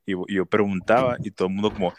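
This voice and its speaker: A man's voice: fairly low pitch, fairly even intonation, fast, background noise. A young man, rambling through a story in casual podcast chat. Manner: rambling, repeats fillers often. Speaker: podcast co-host.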